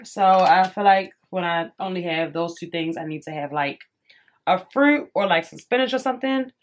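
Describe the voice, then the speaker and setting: This is a young woman's fairly low voice at a normal pace, from a casual bedroom vlog. She sounds a little congested, eats between words, and chats away to viewers she calls "y'all."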